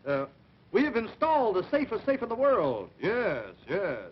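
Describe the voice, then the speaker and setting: An actor playing a brash, boastful comic schemer in the grandiose manner of an early talkie film comedy. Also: male voice, sits high, wildly swooping pitch, normal speed. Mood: grandiose bluffing. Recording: dull, noisy 1930 film soundtrack.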